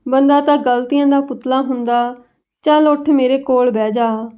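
Woman doing a gentle older farmer brother, forgiving and soft, high-ish voice, bit lo-fi. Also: fairly even intonation, normal speed, clean tone. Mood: consoling. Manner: gentle, consoling.

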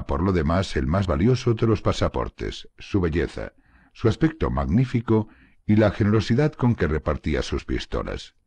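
An audiobook narrator reads a scripted classic novel in a very deep, husky male voice, his pitch lifting and falling with lively expression. His pace is measured and steady, and the recording is dry and close with no room sound at all.

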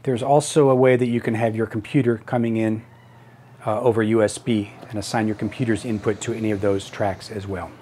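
A man in his fifties giving a casual product tutorial, haltingly thinking aloud as he demonstrates. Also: on the low side, flat delivery, mellow, a little hiss or hum. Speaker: tutorial presenter. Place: small home office room.

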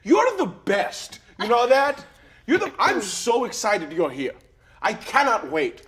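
A man voicing a brash, showy young rich-kid fighter in a tabletop role-play game, talking in a quick, rambling way. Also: high voice, full character voice. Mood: excited. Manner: rambling, quick, animated, laughs through lines.

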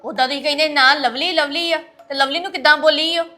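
A woman's voice: sits high, steady tone, sharp tone, soft background music. A woman playing an outspoken young daughter-in-law in a family web drama who argues back hard. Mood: defiant. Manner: rapid, argumentative.

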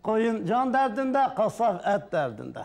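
A man's voice: high-pitched, big pitch swings, slow pace, creaky, darkish tone. A man playing himself as a comedian in a sketch, whining and complaining, often laughing through his lines. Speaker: comedian guest.

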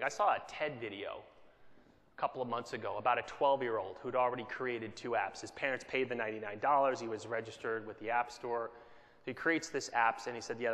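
A keynote speaker with a mid-pitched, slightly bright male voice gives a business talk from a stage. Conversational rather than formal, he keeps checking in with the audience, often asking "right?", and a long reverb rings through the conference hall.

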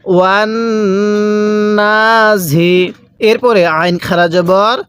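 A man teaching Quran reading to students, spelling out letters slowly and drawing out the vowels so they can repeat after him, with a Bangladeshi Bengali accent. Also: high-pitched, steady tone, a bit bright, clear, resonant tone, dry recording, studio quality. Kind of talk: recitation lesson with call-and-repeat.

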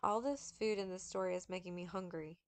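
A woman's voice: fairly low pitch, a little fast, close to an everyday voice. A woman reading the lines of a sly, teasing teenage boy in an audiobook.

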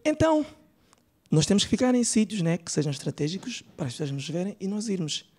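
A man's voice: high voice, fast talker. A man playing a brash, gossipy Angolan woman. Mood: chatty. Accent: Angolan Portuguese. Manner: chatty, animated storytelling. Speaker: stand-up comedian. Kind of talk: stand-up character bit. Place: comedy club stage.

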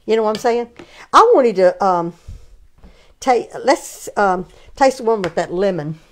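A woman hosting a casual cooking demonstration in her home kitchen, chatty and halting with many restarts. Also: medium pitch, expressive. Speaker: cooking show host.

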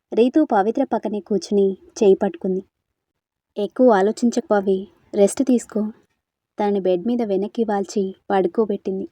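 Female storyteller, mellow voice, dry close sound, narrates a romance and voices all parts herself. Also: medium pitch, no echo. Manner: reads narration and all characters' dialogue in one voice.

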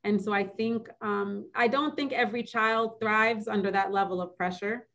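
A woman of middle pitch talks as a guest in a webinar interview. She is earnest and reflective, and she often pauses with "um" and restarts her sentences as she thinks. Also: fairly even intonation, a bit bright. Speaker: public health physician, interview guest.

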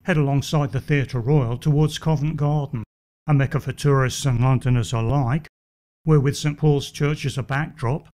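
A man giving scripted walking-tour narration, measured with a dry wit. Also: mid-range voice, fairly even intonation, a little mellow.

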